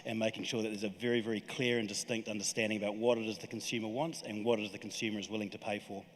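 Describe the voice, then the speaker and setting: A man's voice: lowish voice, level tone, very fast. A man speaking as a panelist in a panel discussion, jargon-heavy and hesitant. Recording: reverberant hall.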